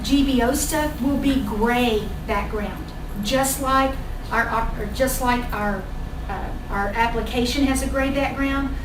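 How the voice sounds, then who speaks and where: An American woman giving a motivational sales training talk as a business trainer, emphatic and often checking in with her listeners. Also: fairly high pitch. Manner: emphatic, checks in with "okay?" and "all right?". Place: large indoor training room with audience. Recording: echoey room, distant mic, noisy background.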